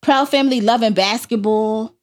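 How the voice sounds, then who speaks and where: A woman's voice: a little high, normal speed. A woman co-hosting a podcast in casual, playful chat, laughing often. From New York. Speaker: podcast co-host.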